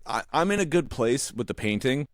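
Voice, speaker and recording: A visual artist in his forties co-hosts a podcast, chatting casually in a mid-range voice at normal speed. He rambles, interrupts himself and restarts sentences as he tells animated stories, swearing now and then. The studio-quality recording has no echo.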